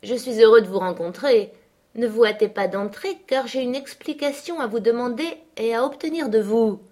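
A woman's voice: fairly high pitch, normal speed, darkish tone, pitched above the performer's own voice, close to an everyday voice. Woman reading a scornful, menacing man. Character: harsh brooding man, mocking and menacing. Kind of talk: audiobook character voice.

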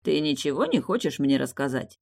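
A woman voicing a patient young husband and new father in an audiobook, staying close to her own low voice. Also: very animated, fairly quick, gravelly, darkish tone, full character voice. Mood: calm.

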